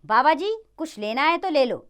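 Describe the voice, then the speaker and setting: A woman voicing a brisk, curt male sweet-seller in a children's play reading. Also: sits high, lively intonation, fairly bright tone, pitched above the performer's own voice.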